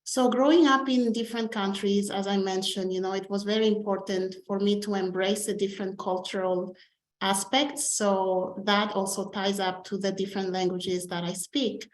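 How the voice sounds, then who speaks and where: A woman giving a polite, measured webinar presentation as a panelist over a video call. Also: mid-range voice, fairly even intonation. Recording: roomy echo.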